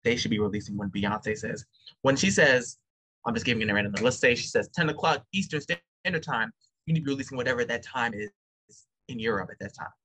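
Fast-talking husky man chatting about music. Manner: fast, excitable, acts out quotes with sharp jumps in pitch. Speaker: podcast host. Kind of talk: casual music chat.

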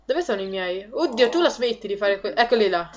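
A woman hosting a let's play, chatty and excitable, laughing often and talking to her viewers. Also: mid-range voice, brisk, a crowd in the background. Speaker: gaming video host. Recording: lo-fi audio with game music behind. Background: game music.

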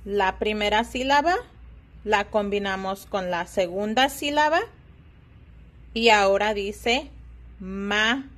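Very slow-speaking woman teacher. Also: medium pitch. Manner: slow, drawn-out syllables. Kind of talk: slow phonics lesson for children.

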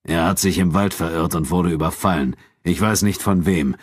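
A man reading an audiobook and voicing a scornful, gruff male leader of a travelling troupe who growls his replies. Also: low-pitched, normal speed, no room sound, clean studio sound.

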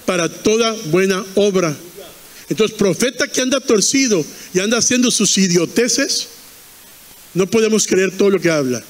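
High-voiced fervent male preacher. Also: lively intonation, moderate pace, long reverb tail. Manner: fervent, repeating and quizzing the congregation. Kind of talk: sermon.

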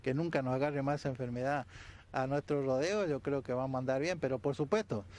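A man's voice: mid-range voice, a little fast, darkish tone. A man in his sixties with an Argentine accent gives spontaneous answers in a TV news interview, speaking through a face mask into a handheld mic. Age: 60s. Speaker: interviewee, head of a rural producers' society. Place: outdoors beside a building. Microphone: handheld reporter's mic, through a face mask. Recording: outdoor news recording with faint ambient noise.

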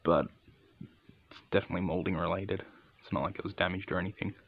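A man's voice: low-pitched, fairly even intonation, quick pace, gravelly, husky, narrow, tinny audio. A man giving a casual, unscripted hands-on product review in an understated, matter-of-fact way.

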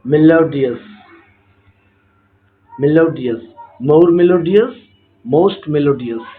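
A man teaching an English grammar lesson, slow and patient, drawing out each example word and repeating a set phrase after each point. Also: a little high, expressive. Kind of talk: grammar lesson explaining notes. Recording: tinny phone-like sound.

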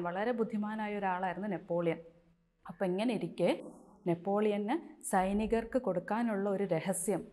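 A woman's voice: medium pitch, dark tone. A woman teacher reading a story to her class in an online lesson, retelling each line and quizzing the pupils with questions.

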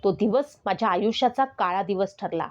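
A woman narrates in the first person as the spirit of a murdered teenage schoolgirl, solemn and pleading, with a grieving mood. Her voice is mid-range at a moderate pace, and the audio is dull.

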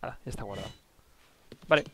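A man's voice: quick pace, very noisy. A man from commentates a horror game, talking to himself in a nervous, jumpy way. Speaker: gameplay commentator. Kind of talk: casual gameplay commentary.

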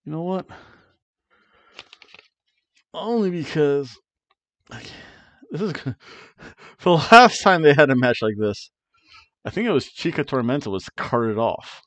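A middle-aged man hosts a wrestling review show from a small home room, casually sharing predictions to camera through a headset mic. He's playful, rolls his R's on wrestlers' names, and hums dramatic tunes, in a fairly bright, somewhat high, animated voice that runs a little slow with frequent pauses. The sound is dull, lo-fi, and dry, with no room sound.

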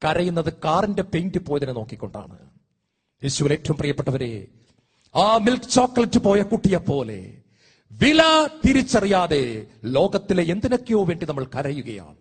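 A man delivers an emphatic sermon from a stage microphone. His voice sits high for a man and has a husky edge. He questions the congregation and acts out the people in his stories. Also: sing-song, normal speed. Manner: emphatic preaching, acting out story voices, asking the crowd. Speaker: preacher. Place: large convention hall.

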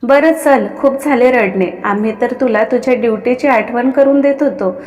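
A woman's voice: on the high side, normal speed, darkish tone, in a large hall, close to an everyday voice. A woman voicing a smug, mocking young husband who teases his wife. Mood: teasing. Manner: smug, mocking, calls himself "we". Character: teasing arrogant young husband, man.

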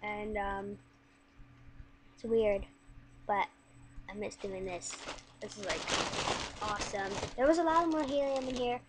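A young woman vlogging in a squeaky chipmunk voice from breathing in helium, chatting in a scattered way with lots of filler words. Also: unhurried, pauses often, noisy background. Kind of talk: casual rambling vlog chat.

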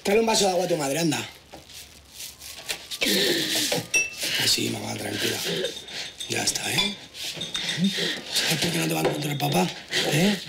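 An actor playing a bossy, protective, sarcastic elder brother in a TV drama, with a Spanish accent from Spain. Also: male voice, on the high side, sing-song, a little fast, gravelly, pauses often, very noisy. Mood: urgent, soothing. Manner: sarcastic, commanding. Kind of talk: naturalistic TV drama acting.

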